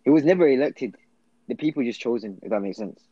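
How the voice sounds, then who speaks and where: A man's voice: mid-range voice, expressive, fast talker, dark tone, breathy edge, no room sound, lo-fi sound. A young man with a London roadman accent chatting casually in slang, often repeating his phrases. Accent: London, urban roadman slang. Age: young adult. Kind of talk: casual group chat.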